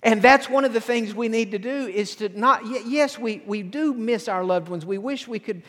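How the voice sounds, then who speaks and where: High-pitched pastor preaching. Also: male voice, moderate pace, a bit bright. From southern United States. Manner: earnest, repeats phrases for emphasis. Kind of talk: sermon. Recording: long hall reverb.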